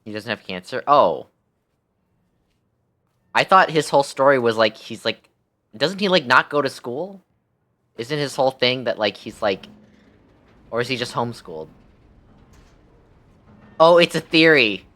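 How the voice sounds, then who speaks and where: Here the same kind of streamer speaks at a measured pace, his medium-pitched voice animated, pushed, and bright, broken by long pauses. Playing a game live, he banters with viewers in crude, slangy jokes and frequently says things twice.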